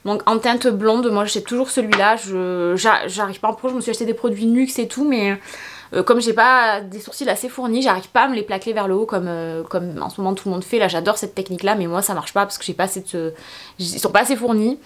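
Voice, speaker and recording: A woman's voice: mid-range voice, a little fast. A tired young woman, chatting casually through a get-ready-with-me vlog in her bedroom, rambling with many fillers. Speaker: beauty vlogger.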